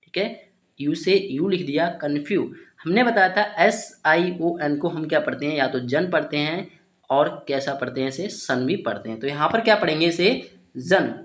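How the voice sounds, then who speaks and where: In a room with noticeable echo, a man tutors beginners in English spelling and pronunciation one letter at a time, his voice a little high and his pace moderate. He habitually repeats "ठीक है" and poses questions he then answers.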